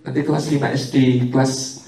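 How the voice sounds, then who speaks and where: A man's voice: medium pitch, flat delivery, brisk, a little mellow. Storytelling male preacher in an echoey hall. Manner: storytelling, acting out parents and children in quoted lines. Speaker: Islamic preacher. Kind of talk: religious talk on parenting to an audience. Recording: roomy hall, mic from far off.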